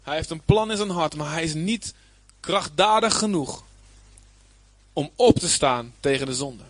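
A man teaching from the Bible, slightly higher pitched than most men, reading passages and then unpacking them with emphatic, searching delivery. The sound is dry and close, with little room around it. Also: lively intonation, unhurried, dry recording. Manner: reads scripture aloud, then explains it plainly. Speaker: preacher.

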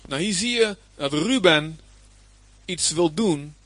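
A man's voice: on the high side, animated, takes it slowly, fairly bright tone, no echo. A man preaching a Bible lesson, reading scripture aloud and then explaining it plainly, with emphasis and some hesitant fillers. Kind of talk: Bible teaching.

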